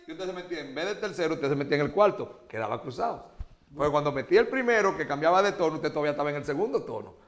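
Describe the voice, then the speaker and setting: A man's voice: a little high, lively intonation, racing. Dominican guy hosting a political talk show, preachy and teasing, echoey room. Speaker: host.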